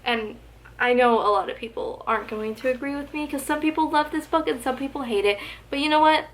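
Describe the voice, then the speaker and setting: Talking a little fast in a high-pitched voice, this young book vlogger gushes to the camera in a casual book tag video, peppering her chat with "like." Her voice is slightly going, and the poor audio carries a little hiss or hum.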